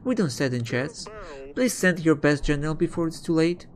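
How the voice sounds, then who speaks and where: A man's voice: on the high side, animated, moderate pace, voice pushed up, lightly acted. A man voicing a desperate peasant farmer from a fantasy game as he pleads with his ruler. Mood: desperate, pleading. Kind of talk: reading game dialogue aloud in character.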